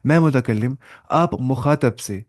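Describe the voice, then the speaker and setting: Over a video call, a man teaching Arabic online patiently walks through the lesson, going over points again and sounding out each example phrase slowly. His mid-range voice comes through clean studio sound with no room noise.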